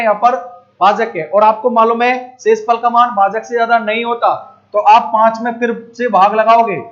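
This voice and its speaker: A man's voice: very high voice, fairly bright tone, lo-fi sound. A man teaching math in a live online class, coaxing students and checking again and again whether they understood. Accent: Rajasthani Hindi.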